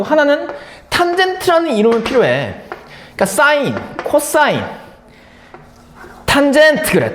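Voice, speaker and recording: A man's voice: high-pitched, reverberant, slight background noise. A man teaching a live math class, playful and drilling key terms by repeating them. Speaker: math instructor.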